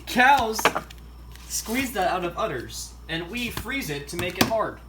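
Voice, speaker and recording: A man's voice: high-pitched, animated, moderate pace, noisy background. A man hosting a goofy home cooking tutorial, reading recipe steps aloud and making up silly facts. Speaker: cooking show host. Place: home kitchen.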